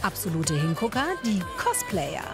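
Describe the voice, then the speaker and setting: A woman announcing a TV promo in a punchy, excited voice-over. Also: fairly low pitch, normal speed. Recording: voice-over over loud music.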